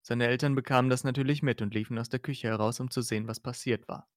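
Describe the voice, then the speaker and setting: A man reading novel narration on a podcast in a steady, plain manner, now and then tripping over a word. His voice sits mid-range and the sound is close and dry. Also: mid-range voice, fast, dry recording. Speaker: podcast host.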